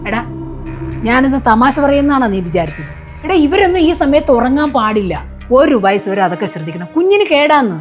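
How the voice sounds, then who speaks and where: A woman's voice: high voice, sing-song, fairly quick, soft background music. An actress in a short film drama, playing a scolding, domineering middle-aged mother-in-law. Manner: scolding, nagging.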